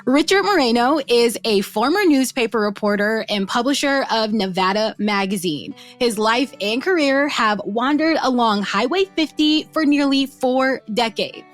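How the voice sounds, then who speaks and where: Eager higher-voiced woman co-host. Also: animated, moderate pace, few pauses, soft background music. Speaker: podcast co-host, travel writer. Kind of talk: scripted podcast intro and casual chat.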